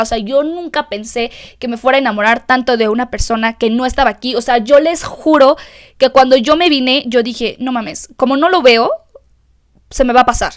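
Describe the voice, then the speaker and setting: A young woman with a Mexican accent hosting a solo podcast, talking candidly and emotionally to her listeners and swearing freely. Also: high voice. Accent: Mexican Spanish. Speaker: podcast host. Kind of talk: confessional solo podcast monologue.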